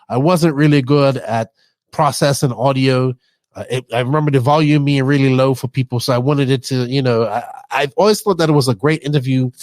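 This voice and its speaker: A man's voice: medium pitch, no room sound. A talkative man hosts a podcast in casual, unscripted style. His Bermudian accent is somewhat toned down, and his delivery is informal. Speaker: podcast host.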